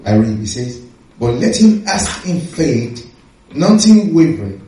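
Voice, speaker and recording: Preacher in an echoey hall. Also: male voice, fairly high pitch, very animated, mellow, slight background noise. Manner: emphatic, slow scripture reading. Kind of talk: sermon with live interpreter. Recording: echoey hall, distant mic.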